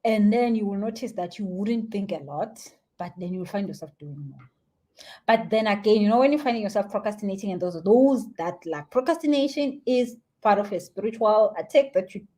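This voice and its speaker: A young South African woman giving spiritual advice in a casual live stream, animated and chatty, sometimes dropping to a soft near-whisper. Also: medium pitch. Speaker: spiritual teacher answering viewer comments.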